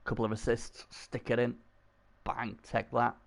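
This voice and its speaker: A man giving casual, excitable commentary on a video game match, often repeating himself. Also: mid-range voice, unhurried, creaky.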